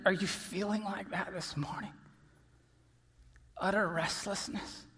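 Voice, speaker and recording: A man preaching a sermon as pastor, earnest, dropping to soft near-whispers and then rising to loud emphasis. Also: high-pitched, slightly rough. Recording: long reverb of a large hall.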